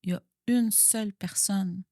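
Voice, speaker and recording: A woman's voice: medium pitch, fairly even intonation, normal speed, mellow, no echo. Reflective Québécois woman, dry close sound. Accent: Québécois French. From Quebec. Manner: reflective, frequent restarts and repeated words, code-switches into English phrases. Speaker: guest, business executive. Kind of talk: candid conversational interview.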